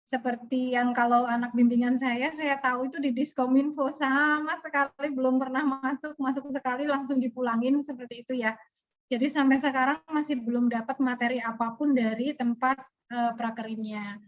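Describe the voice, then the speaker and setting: A woman teacher from Indonesia giving students a casual, chatty briefing on a video call, with loose phrasing and frequent restarts. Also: sits high. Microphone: video call audio. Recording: muffled video call audio.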